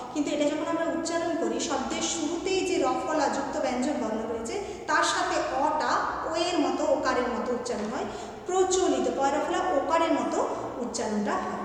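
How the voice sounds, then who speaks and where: A woman teacher giving a grammar lesson, who patiently repeats each rule and asks rhetorical questions. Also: high-pitched. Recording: echoey hall, far from the mic, faint noise.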